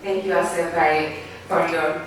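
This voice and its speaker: A Bengali-speaking newspaper editor in her forties, with a Bangladeshi accent, gives a speech at a formal event in a large banquet hall. Her fairly low, level voice is heartfelt and halting, with loose grammar and phrasing that keeps circling back. She is recorded from well off the mic in a strongly echoing room, over a faint hum.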